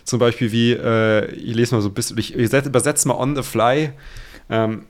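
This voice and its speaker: A man co-hosting a podcast, talking in a casual, animated and sarcastic way, often chuckling. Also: medium pitch, normal speed. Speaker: podcast co-host. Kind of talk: casual chat.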